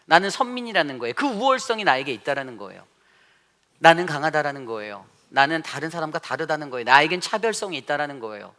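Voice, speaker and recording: Bright-voiced man preaching a sermon. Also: fairly high pitch, quick pace. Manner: animated preaching with rhetorical questions and acted-out quotes. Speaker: pastor. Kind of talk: Sunday sermon. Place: church sanctuary.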